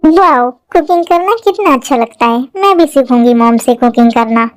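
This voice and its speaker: A woman playing a very high-voiced timid schoolgirl. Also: animated, normal speed, clear, resonant tone, dry recording. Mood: earnest. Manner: pleading, easily tearful. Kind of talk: Hindi fan-dub drama.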